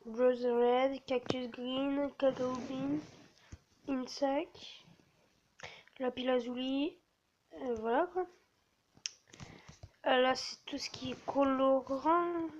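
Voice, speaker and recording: A woman casually walking viewers through a game server, hesitant and full of fillers. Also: sits high. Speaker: gamer showing a server. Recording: dull lo-fi mic with faint hiss.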